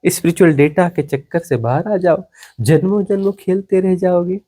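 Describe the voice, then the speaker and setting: A man giving a satsang discourse as a spiritual teacher, emphatic and repetitive, drawing phrases out and letting them sink to a hush. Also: high-pitched, moderate pace.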